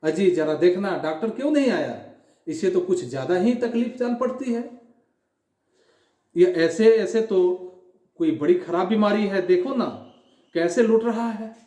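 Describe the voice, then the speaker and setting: A fussing mother, anxious and coaxing, murmurs gently to her sick child, read out by a man. The voice sits high and the sound bounces around a roomy space. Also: lively intonation, measured pace, pauses often. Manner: coaxing, soothing. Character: worried mother fussing over sick son. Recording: echoey room.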